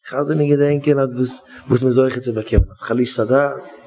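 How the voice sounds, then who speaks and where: A man's voice: medium pitch, fairly even intonation, brisk, a little mellow, slightly rough. Rambling man giving a Yiddish sermon. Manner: rambling, repeats himself, searches for words. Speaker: rabbi giving a talk.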